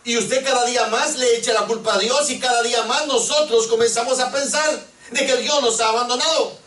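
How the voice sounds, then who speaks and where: A man's voice: very high voice, brisk, fairly bright tone. A male preacher giving a sermon. He questions the congregation and acts out pleading prayers. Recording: echoey room, mic at a distance.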